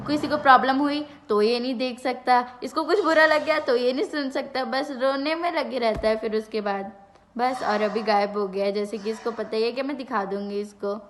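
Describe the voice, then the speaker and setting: A young woman vlogs from her home and speaks into a phone camera. Her voice sits a little high. She chats casually and tells stories in an animated way, repeating words for emphasis. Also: slight background noise. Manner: chatty, animated storytelling with repeated phrases. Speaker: vlogger. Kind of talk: casual home vlog chat. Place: at home, indoors.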